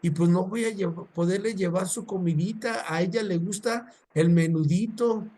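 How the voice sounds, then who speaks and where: A sad, weary old Mexican cardboard collector laments his hard luck, as a male preacher acts him out. His voice is fairly high and worn down. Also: moderate pace, mellow. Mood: sorrowful.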